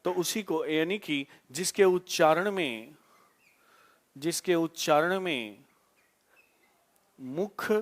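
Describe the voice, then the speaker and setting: Man, teacher, live online lesson, high voice, slow deliberate delivery, repeats questions for students to answer. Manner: repetitive call-and-response questioning; drawn-out slow emphasis on key terms.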